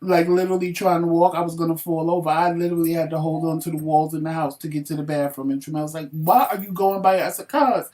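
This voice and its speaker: A man co-hosting a talk show, telling a story casually with lively acted quotes and frequent swearing. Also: on the high side, fast talker, hardly any pauses, far from the mic. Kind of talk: casual chat.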